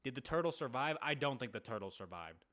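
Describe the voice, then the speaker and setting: Excitable young male streamer. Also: mid-range voice. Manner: excitable, rapid shout-outs, repeats himself. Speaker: livestreamer doing prank calls. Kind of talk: casual live-stream chat with viewers.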